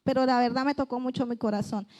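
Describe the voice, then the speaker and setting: Woman, church preacher, high-pitched, earnest, conversational sermon. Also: fairly even intonation, fast, a little mellow. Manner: earnest, often voices pleading prayers aloud. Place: church service.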